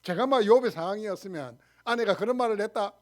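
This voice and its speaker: A man's voice: high-pitched, quick pace. A man with a Gyeongsang accent, a pastor preaching a sermon, who asks the congregation questions and answers them himself. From Gyeongsang region, Korea. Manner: animated preaching, acts out shouted quarrels in dialect.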